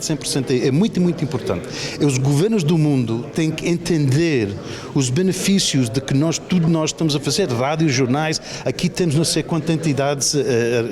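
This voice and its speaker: Busy crowd chatter surrounds this television producer from Toronto as he answers interview questions off the cuff. His voice is on the higher side, and he speaks emphatically, repeats himself and pauses to hunt for words.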